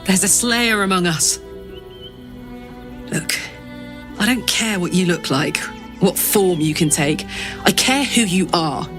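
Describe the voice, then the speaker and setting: A woman's voice: on the low side, slow, long pauses. A woman playing a big-hearted warrior in a video game, blunt, wounded and earnest. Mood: disappointed, resolute. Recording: music behind. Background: game music.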